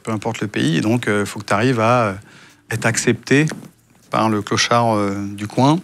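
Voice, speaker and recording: A man's voice: on the low side, fairly even intonation, moderate pace, vocal fry, a bit bright, a little hiss or hum. A man from France recounting his past work in a casual interview, with many hesitations, and acting out the dialogue he quotes. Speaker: guest, former intelligence officer.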